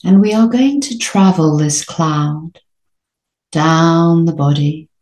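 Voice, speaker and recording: In a low, mellow voice, a woman guides a sleep meditation, speaking very slowly and soothingly with long pauses between short phrases. The room is roomy, and a noticeable echo surrounds her gentle delivery.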